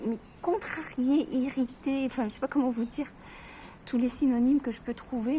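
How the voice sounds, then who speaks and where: A woman in a personal vlog, talking to viewers in a halting way, stammering and restarting her sentences. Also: fairly high pitch, warm tone, slight background noise. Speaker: vlogger.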